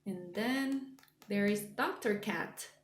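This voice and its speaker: A woman's voice: medium pitch, slow, echoey room, a little hiss or hum. A preschool teacher, a woman, reading a picture book aloud and asking the children encouraging questions.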